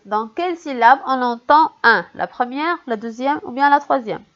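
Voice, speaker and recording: A woman teaching a recorded reading lesson to young children, speaking slowly and carefully and repeating each word so the pupils can hear the sounds. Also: high voice, a bit bright, lo-fi sound. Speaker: primary school teacher.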